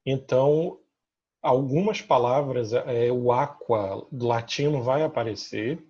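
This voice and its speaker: Husky Brazilian teacher checking in constantly. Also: male voice, mid-range voice, takes it slowly, mellow, dull audio. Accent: Brazilian Portuguese. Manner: checks in with listeners through constant tag questions; points to examples on the slide as he goes. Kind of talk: remote grammar lesson explaining slides.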